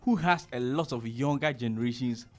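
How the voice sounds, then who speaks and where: A man's voice: medium pitch, normal speed. A man in a heated informal panel debate, insistently pushing to finish his point in stop-start phrases.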